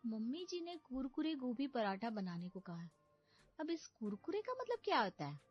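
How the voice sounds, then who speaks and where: A woman's voice: a little high, big pitch swings, moderate pace, husky. Woman doing a naive young bride. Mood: innocent. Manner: sweet, innocent and chatty. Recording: slightly dull audio with background music.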